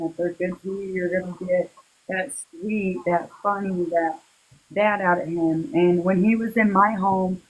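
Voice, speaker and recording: A woman speaking as an interview guest, recalling personal matters in a halting, heartfelt, casual way. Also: mid-range voice, rough recording. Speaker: interview guest, victim's relative.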